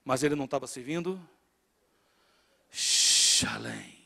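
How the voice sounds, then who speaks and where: A middle-aged man from northeastern Brazil with a Northeastern Brazilian accent, preaching to a congregation with rhetorical questions and swings between loud and hushed. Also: high voice, lively intonation, brisk. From Natal, northeastern Brazil. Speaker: pastor. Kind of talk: sermon to a congregation. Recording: long hall reverb in a church.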